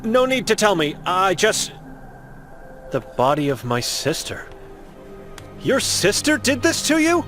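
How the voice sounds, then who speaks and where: A man's voice: high-pitched, huge pitch swings, unhurried, pauses often, music in the background, full character voice. A man voicing a young monk in a game who is searching for his sister, polite and earnest as he presses with questions. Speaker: game protagonist.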